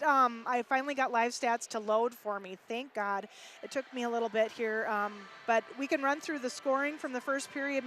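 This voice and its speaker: A hockey broadcaster from Minnesota, USA, speaks with a Minnesotan accent in a casual live-stream commentary, chatty and reading stats with fillers. Her voice is a little high and fairly bright, with slight background noise.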